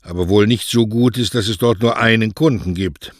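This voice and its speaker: A man's voice: on the low side, moderate pace, no echo, clean studio sound, natural voice. A man doing a grumpy old postmaster. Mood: grumbling. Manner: sour and blunt. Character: grumpy, lazy older male postmaster.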